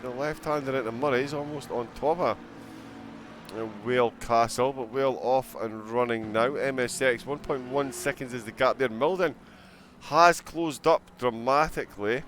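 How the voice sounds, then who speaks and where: A man's voice: medium pitch, moderate pace, fairly bright tone, slight background noise. A man commentating a live sim-racing broadcast, chatting and giggling as he reacts to viewers' chat between race calls.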